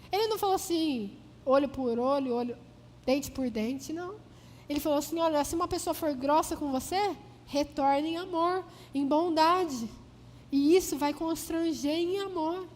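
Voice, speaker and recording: A high-pitched woman preaches to a congregation and tells stories by acting out the dialogue. She grew up in Paraná, Brazil. Her voice rings with the long reverb of a church hall, with faint noise behind. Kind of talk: sermon.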